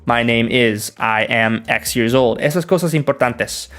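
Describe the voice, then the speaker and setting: A young man from the northern United States with an American accent, hosting a relaxed livestream question-and-answer session as an English teacher, greeting viewers and explaining with examples. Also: mid-range voice, a little slow. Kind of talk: livestream Q&A, bilingual.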